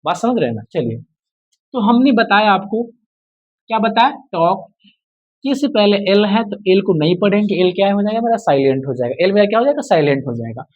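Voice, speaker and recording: A man's voice: high voice, expressive, fairly quick, highs cut off. A man teaching English spelling in a classroom style, asking a question and repeating the answer over and over. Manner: repeats questions and answers in call-and-response drills. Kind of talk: classroom lesson.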